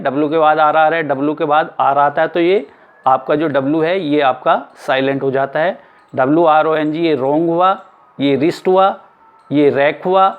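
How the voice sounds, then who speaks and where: A male teacher giving an explanatory lesson, spelling words out letter by letter and repeating them slowly. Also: a little high, phone-quality sound. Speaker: English teacher.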